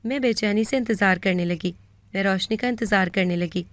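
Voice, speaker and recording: A woman's voice: mid-range voice, no room sound. Woman, Pakistani Urdu accent, storytelling narration, earnest, dry sound. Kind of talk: first-person story narration.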